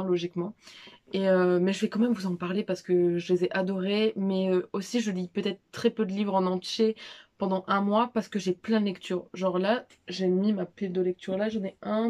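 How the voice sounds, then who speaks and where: A woman's voice: mid-range voice, darkish tone. A young woman chatting casually about her monthly reads in a vlog, informal and slangy, with many fillers, restarts and self-deprecating asides. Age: young adult. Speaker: book vlogger. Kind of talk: casual monthly reading recap.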